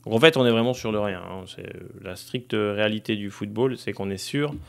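A man's voice: fairly low pitch, a little fast, gravelly. A young man casually commenting on a football career game, thinking aloud with many fillers and addressing viewers directly. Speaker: gaming streamer.

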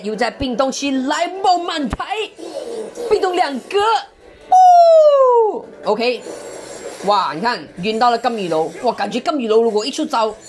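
A woman doing excitable live gameplay commentary, full of exclamations and mild curses. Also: a little high. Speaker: game streamer.

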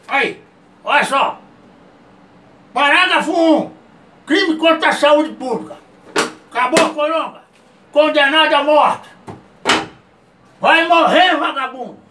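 A man playing a feisty old man who calls himself king, yelling insults and threats in a comedic sketch. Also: very high-pitched, roomy sound, far from the mic, noisy background. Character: feisty old man, self-styled king, scolding a virus.

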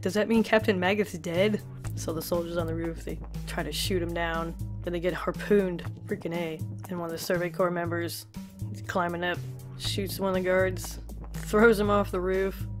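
A woman's voice: on the low side, steady tone, moderate pace. Chatty woman over background music. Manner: chatty, swears casually, laughs often. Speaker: manga reviewer. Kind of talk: casual reaction commentary, reading aloud. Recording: her own background music playing.

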